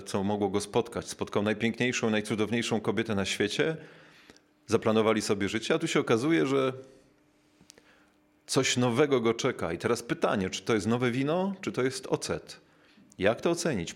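A man preaching a reflective sermon, measured and unhurried, slowing down to stress key words and pausing with small filler sounds as he searches for his thought. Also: medium pitch, animated, vocal fry.

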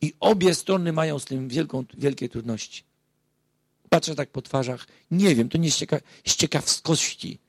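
Gravelly-voiced man lecturing earnestly. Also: a little high, moderate pace, no echo. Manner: earnest storytelling, swelling into emphatic outbursts. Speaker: marriage counselor giving a public talk. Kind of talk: public lecture to an audience.

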